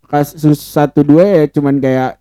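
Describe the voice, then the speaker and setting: Young male guest, casual storyteller, mellow tone, slangy, dry close recording. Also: a little high, fairly even intonation, unhurried, no room sound. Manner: slangy, swears often, laughs easily. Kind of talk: casual podcast chat.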